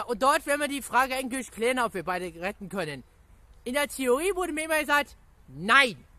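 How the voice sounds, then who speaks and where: A gaming YouTuber rambling excitedly through a casual video reply to viewers, full of pet phrases and laughter. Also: medium pitch, no echo. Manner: rambling, chatty, repeats catchphrases and fillers.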